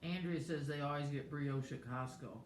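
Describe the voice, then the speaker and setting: A woman's voice: low voice, moderate pace. A woman pastor co-hosting a casual cooking livestream, chatty and playful, half-singing nursery rhymes and leading a spoken prayer. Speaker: pastor and co-host. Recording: echoey room with faint background noise.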